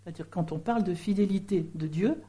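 A woman's voice: lowish voice, fairly quick, mellow. A middle-aged woman giving a sermon in French, explaining word meanings with a teaching manner. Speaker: preacher.

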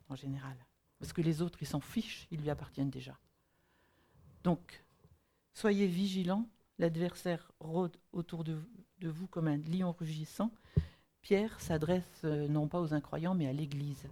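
With a low, mellow voice, a woman earnestly preaches and reads scripture, stopping and starting as she works through her thoughts and posing forceful rhetorical questions.

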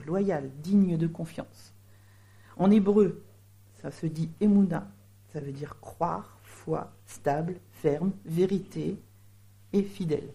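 Low mellow-voiced French woman preaching. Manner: teaching, explains word meanings, warm asides. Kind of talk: sermon.

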